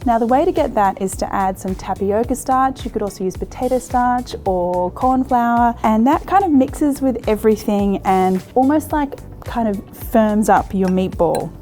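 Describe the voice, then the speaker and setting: Speaking at a moderate pace with few pauses, an Australian woman in her thirties hosts a cooking show, her fairly high voice dark in tone and lively in intonation. She chats encouragingly through the recipe step by step, laughing readily, over soft background music.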